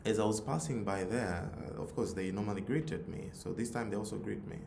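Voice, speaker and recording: A Tanzanian-accented man speaks a little fast in a lowish, creaky voice with a darkish tone. The youth nonprofit leader gives an earnest motivational talk with a personal story at a forum, repeating phrases for emphasis. The recording carries a roomy echo and audible background noise.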